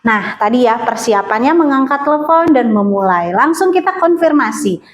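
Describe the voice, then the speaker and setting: A woman's voice: on the high side, animated, normal speed, slight background noise, low-quality recording. A woman teaching a class on phone etiquette in a chatty way, with many fillers and questions to her students.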